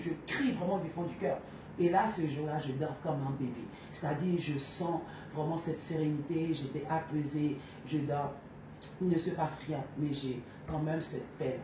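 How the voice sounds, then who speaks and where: A woman giving an earnest, emotional personal testimony with intense, heartfelt delivery. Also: sits low. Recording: very echoey, from far off, faint noise.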